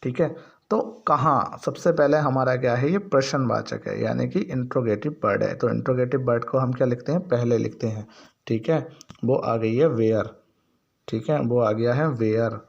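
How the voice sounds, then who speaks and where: A male teacher walks through a grammar lesson at a steady, patient pace. He asks a question, answers it himself, and repeats each example sentence slowly. His voice is gravelly and the recording sounds slightly muffled. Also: mid-range voice. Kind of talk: Hindi grammar lesson for learners.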